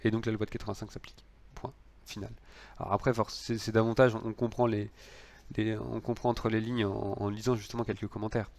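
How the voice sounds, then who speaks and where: A man's voice: on the low side, little pitch movement, a little fast, darkish tone. A man lecturing on law, explaining cases with frequent fillers and restarts.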